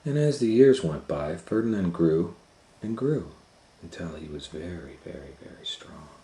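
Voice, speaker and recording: A man with a deep, warm, expressive voice reads a children's story at a moderate pace, chatting through it, explaining things and asking his listeners questions. He's a storytime reader and educator giving an animated read-aloud with asides, recorded in an echoey room with faint noise.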